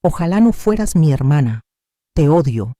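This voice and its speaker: A cruel, bitter young woman lashes out, as a man reads her part. The tone is deep and warm, and the sound is dry and close. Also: big pitch swings, moderate pace, dry recording.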